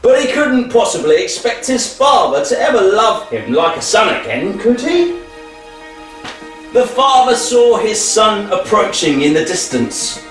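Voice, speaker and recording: A man presenting a children's worship show, telling a story in an animated, playful way. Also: high voice, unhurried. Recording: echoey room from a distance with faint music.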